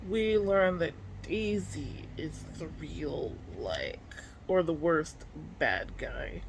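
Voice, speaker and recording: A book vlogger of unclear sex chats casually about reading in an informal, slangy way, musing aloud. The voice is mid-range and a bit bright. Noisy room ambience is clearly audible.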